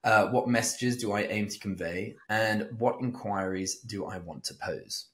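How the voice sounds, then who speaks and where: Male co-host, lower voice, reads list items plainly, then slips into casual chat. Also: a little slow. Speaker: podcast co-host. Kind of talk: reading summary points and chatting.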